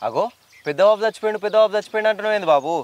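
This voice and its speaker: A man playing a rapid-talking stubborn village son. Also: high-pitched, dull audio, lightly acted. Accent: Telangana Telugu. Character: young village son, back from abroad, stubborn.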